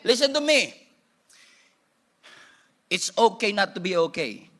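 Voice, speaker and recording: Filipino male pastor, high bright voice, animated sermon delivery, teasing asides to the congregation. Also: takes it slowly. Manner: switches between Tagalog and English, jokes with congregation.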